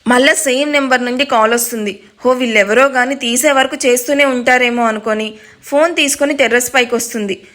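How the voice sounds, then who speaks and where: A woman's voice: a little high, a little fast, fairly bright tone. A woman narrating a romantic drama story in a storytelling manner.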